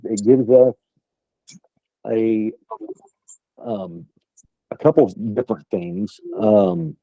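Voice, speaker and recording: Deep raspy guy w/ thick west texas twang, folksy trainer talking on a dull lo-fi call. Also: warm tone, no echo. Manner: folksy, plain-spoken. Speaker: sales trainer. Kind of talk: informal training talk on a call. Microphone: phone or online call.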